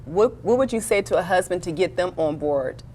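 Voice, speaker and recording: A woman's voice: fairly low pitch, lively intonation, a little fast, mellow, a little hiss or hum. A woman hosting a casual interview, affirming her guests and quoting familiar sayings. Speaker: podcast host.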